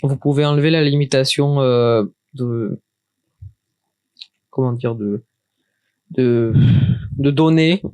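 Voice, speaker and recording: A man's voice: mid-range voice, darkish tone, dry recording. Hesitant man giving a chatty tutorial. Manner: hesitant, many restarts and fillers, chatty. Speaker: tutorial maker. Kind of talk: casual screen-recorded software tutorial.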